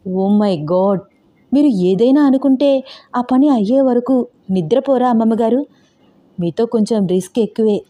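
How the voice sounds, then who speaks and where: A woman acting out a nervous young bride-to-be who fusses and pleads. Her voice is soft and mellow. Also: a little high, unhurried, pauses often, pitched above the performer's own voice, natural voice. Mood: worried. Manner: fretful, pleading.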